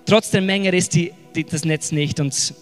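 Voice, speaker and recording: Swiss German preacher, slightly high voice. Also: male voice, unhurried, big-room sound, faint music behind. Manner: searching for words, frequent fillers and restarts; retells scripture in casual, lively paraphrase. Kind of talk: sermon.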